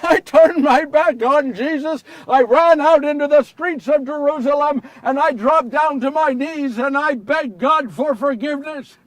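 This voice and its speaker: A man's voice: high-pitched, big pitch swings, measured pace, breathy edge, dry recording, far from the mic, full character voice. [name], a man playing a remorseful apostle. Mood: anguished. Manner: earnest storyteller, swings from hushed confession to loud anguish. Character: Simon [name], remorseful grown fisherman apostle. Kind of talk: first-person dramatic monologue.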